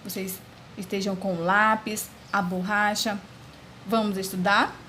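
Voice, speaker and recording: A woman teacher with a Brazilian Portuguese accent gives a video lesson to children, speaking slowly and spelling out syllables one by one. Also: mid-range voice, flat delivery, a little hiss or hum. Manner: slow, deliberate, spells out syllables; religious blessing, addresses class warmly as "turminha".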